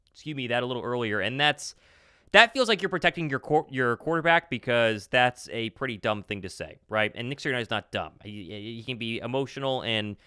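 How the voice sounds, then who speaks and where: A man's voice: medium pitch, pushed and bright, clear, resonant tone, dry recording, studio quality. A man co-hosting a casual sports talk show, reading out viewer comments and reacting to them. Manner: reads comments aloud, then reacts.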